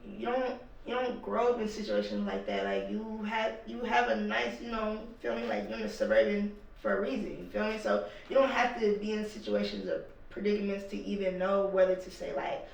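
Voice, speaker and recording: A rapper guest talking casually and emphatically on a podcast, with lots of slang and cursing. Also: male voice, high-pitched, expressive, a little fast, gravelly, few pauses. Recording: echoey room, mic at a distance.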